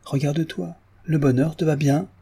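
A man's voice: fairly high pitch, fairly even intonation, moderate pace, mellow, husky, voice pushed up. A man reading an audiobook, voicing a flighty, teasing young woman cousin in a raised voice. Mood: playful.

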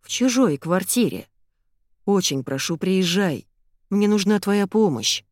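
A woman's voice: medium pitch, expressive, measured pace, darkish tone, no echo, studio quality, natural voice. A woman voicing a bewildered, helpless middle-aged male police colonel in an audiobook, mumbling in a childlike whine. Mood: dazed.

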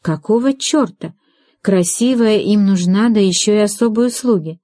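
A woman reading the lines of a sharp-tongued young woman in an audiobook, ironic and snappy. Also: mid-range voice, normal speed, no room sound, studio quality, close to an everyday voice. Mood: indignant.

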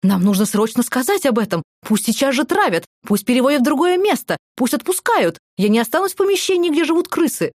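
A woman voicing a fussy, panicky young female cellmate in an audiobook, shrill and indignant. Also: very animated, quick pace, no room sound, studio quality.

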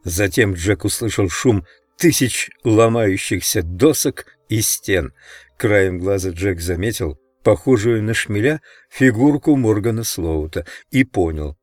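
A man with a low voice reads a novel aloud in a measured, even narration. The sound is dry and close, with almost no room around it. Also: no echo. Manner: measured, steady reading. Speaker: audiobook narrator. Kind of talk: scripted narration.

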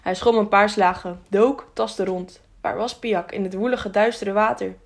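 A woman reading a children's adventure audiobook in a steady, expressive storytelling voice. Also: medium pitch, measured pace. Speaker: audiobook narrator. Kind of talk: audiobook narration.

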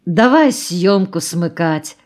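Woman voicing a blunt weary geologist man, dry wry talk, slow and lowish, audiobook dialogue. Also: animated, a little mellow. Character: male geologist, party chief, blunt and tired.

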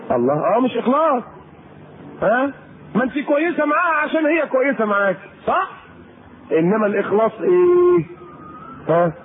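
Egyptian male preacher, playful and animated, on a thin phone-like lecture recording. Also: sits high. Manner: lively, teasing, acts out quoted people. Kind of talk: colloquial sermon to women. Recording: tinny phone-like lecture tape with faint hiss.

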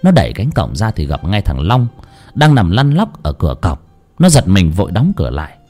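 A man narrating a rural ghost story in a dramatic, expressive way. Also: low voice, brisk, faint music behind.

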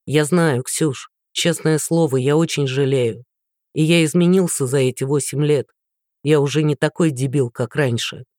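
A woman's voice: low-pitched, moderate pace, darkish tone, no room sound, clean studio sound, close to an everyday voice. A woman voicing a remorseful young man who pleads earnestly and persistently. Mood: pleading.

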